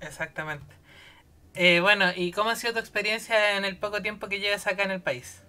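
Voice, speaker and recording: A woman's voice: mid-range voice, steady tone, brisk, pushed and bright. A woman in her thirties hosting an interview, asking questions in a friendly, chatty way. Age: 30s.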